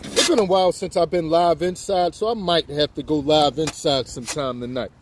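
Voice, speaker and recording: This fairly high, fairly quick voice is a man in his fifties doing a chatty livestream outdoors. He speaks directly to viewers from a city street, with faint street and traffic noise in the background.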